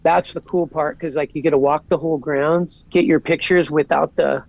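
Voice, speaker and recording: Laid-back 40s guy from socal, slightly high voice, dry dull lo-fi sound, lots of "like". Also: steady tone, moderate pace, gravelly, dry recording. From Southern California. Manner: easygoing, rambling with lots of "like". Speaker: guest. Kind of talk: casual podcast chat.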